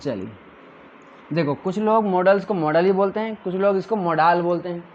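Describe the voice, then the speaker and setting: A man's voice: high voice, a little fast, a little mellow, lo-fi sound, slight background noise. A male teacher giving a classroom grammar lesson, drilling his students with questions and answers.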